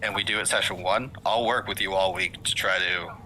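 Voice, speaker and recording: A game master with a low, fairly even voice and a sharp tone chats casually with his players on a voice call during a session-zero talk, speaking fairly quickly. He rambles with plenty of fillers and self-corrections, hiccuping as he goes. The low-quality recording carries slight background noise.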